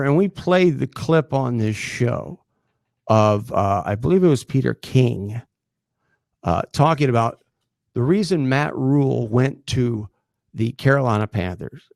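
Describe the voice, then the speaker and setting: A middle-aged man hosts a sports talk show from a close studio mic, in a gravelly, slightly creaky voice at an ordinary pitch. He talks in a sarcastic, animated way and chuckles as he goes. The sound is dry and close. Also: no room sound. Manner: sarcastic, animated, laughs while talking.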